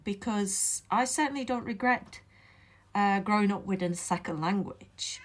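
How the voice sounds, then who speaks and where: Talking to the camera from indoors at home, this Latvian-born memoir author and vlogger, middle-aged and a native Latvian speaker, reflects casually in English. Her accent is Latvian with a touch of Derbyshire English, her pitch is medium, and she's thoughtful, with many pauses and fillers as she carefully chooses her words.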